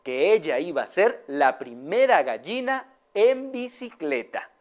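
A woman's voice: fairly low pitch, sing-song, a little slow. A woman telling a children's story aloud, often asking her young listeners questions.

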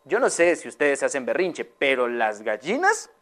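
Lively woman telling a children's story. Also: very deep voice, moderate pace. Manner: asks the young listeners questions.

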